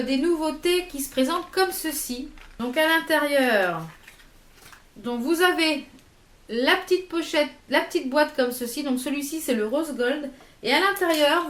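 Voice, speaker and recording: A woman with a high voice chats casually through a makeup haul, pausing often with fillers as she shows each product. Her voice rings in a roomy, echoey space at home. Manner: hesitant, many fillers, shows products to camera. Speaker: beauty vlogger.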